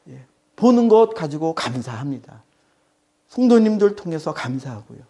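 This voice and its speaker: A man's voice: fairly high pitch, big pitch swings, moderate pace, mellow. A male pastor preaching a sermon, emphatic and repeating his phrases.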